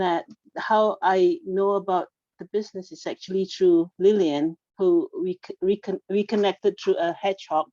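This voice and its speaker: A woman from Singapore giving a halting testimonial on a video call, full of fillers and restarts. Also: fairly low pitch, mellow, no room sound. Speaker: network marketing member. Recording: dull lo-fi video call audio.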